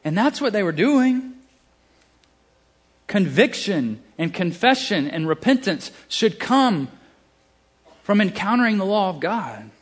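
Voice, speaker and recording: A man's voice: high voice, very animated, takes it slowly, long pauses. A man with a Southern US accent preaching a sermon, emphatic, with casual asides and restarts.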